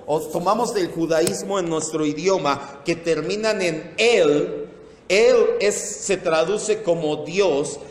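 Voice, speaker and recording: Male Bible teacher, slow and deliberate, higher voice, reverberant church room. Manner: slow, repeats terms, calls on listeners by name. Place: church meeting room with projector. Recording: echoey hall.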